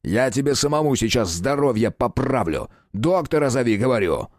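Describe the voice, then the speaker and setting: A man voicing a gruff police detective who barks curt, commanding orders. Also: medium pitch, very animated, normal speed, no room sound, clean studio sound, pitched above the performer's own voice. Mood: commanding, stern.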